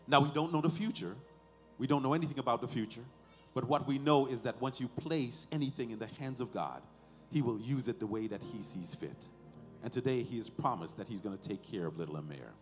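With a mid-range voice, this pastor addresses the family and congregation at a baby dedication, mixing sermon and ceremony. His delivery comes in deliberate short phrases full of emphatic stresses and rhetorical questions, recorded in a large church sanctuary with hall reverb and faint background music.

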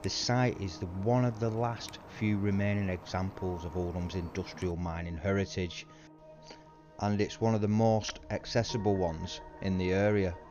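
Deep-voiced man narrating over music. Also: steady tone, moderate pace, highs cut off. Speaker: urban explorer host.

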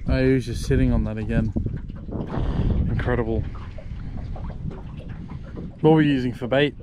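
An Australian fishing vlogger in his thirties narrates a trip to an action camera from a small boat on an open inlet, speaking in a steady mid-range voice at a moderate pace. He's chatty and upbeat and exclaims at the catch, while wind, water and boat noise fill the outdoor recording.

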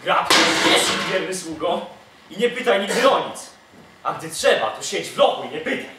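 A student actor playing a secretive, loyal servant disguised as a gardener, recorded from far off on an echoey stage. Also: male voice, high-pitched, big pitch swings, moderate pace, background noise. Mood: musing. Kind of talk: stage comedy acting.

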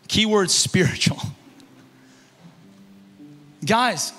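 A young youth pastor delivers an energetic sermon to a youth conference, pacing and gesturing across a large concert hall stage with a handheld mic. He alternates shouted emphasis with low, soft asides, and the hall reverberates with faint music.

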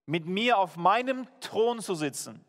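High-voiced preacher in an echoey hall. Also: male voice, a little slow. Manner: lively, emphatic, informal with fillers and restarts. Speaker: pastor. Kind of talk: sermon. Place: church hall.

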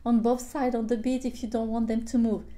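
High-voiced woman. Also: level tone, a little fast, mellow. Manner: agreeable, laughs often, slightly non-native phrasing. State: unwell, sore throat. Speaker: co-host and company founder. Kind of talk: casual live chat.

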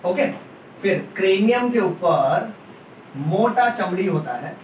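A male biology teacher giving a playful lecture to students, repeating key terms slowly. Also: high voice, expressive, slight background noise. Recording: echoey room, mic at a distance.

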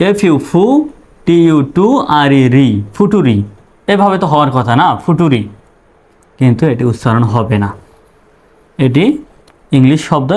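A man's voice: mid-range voice, a little mellow. A man, teaching English spelling in a spoken lesson. He spells words out letter by letter, then rises sharply to ask about the wrong readings.

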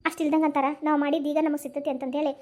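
Woman doing a sorrowful old cartoon mother, Dharwad Kannada accent, very high voice, plaintive. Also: little pitch movement, racing, a little mellow, natural voice. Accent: North Karnataka Dharwad Kannada. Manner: lamenting, plaintive dialect storytelling. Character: grieving old mother-in-law, abandoned by her son. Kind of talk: cartoon voice acting.

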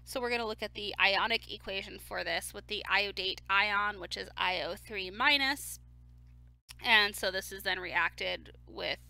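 A woman's voice: mid-range voice, sharp tone, no room sound. A woman lecturing on chemistry in a casual, step-by-step way with frequent fillers. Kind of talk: recorded lecture.

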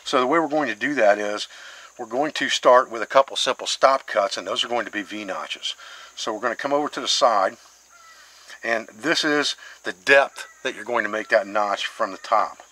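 Bright-voiced man explaining knife work outdoors. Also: medium pitch, moderate pace, low-quality recording. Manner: plain, step-by-step explaining while carving. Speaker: bushcraft instructor. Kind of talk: hands-on outdoor demonstration. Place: outdoors, working on a wooden board.

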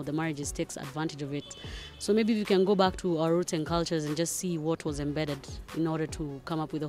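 A woman's voice: low voice, darkish tone. A young woman, a student answering a street interview outdoors into a handheld mic, thoughtful with many fillers. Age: young adult. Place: outdoors among plants.

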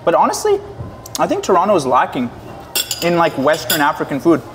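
Young male vlogger, slightly high voice, chatty and exclamatory while eating; faint restaurant chatter behind. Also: wildly swooping pitch, brisk, noisy background. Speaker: co-host. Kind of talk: casual food mukbang chat. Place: restaurant in Toronto.

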